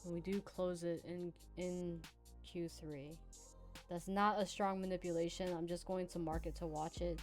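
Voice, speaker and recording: A woman from the United States (Hawaii and Virginia) livestreams her trading backtesting practice, chatting casually, laughing, and answering viewers between notes on her charts. Her fairly low voice stays fairly even at a moderate pace, with soft music behind her.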